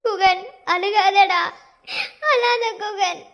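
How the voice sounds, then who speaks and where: A high-voiced performer as a tearful young woman friend. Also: steady tone, very slow, a bit bright, exaggerated voice. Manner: tearful, pleading. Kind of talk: cartoon voice acting.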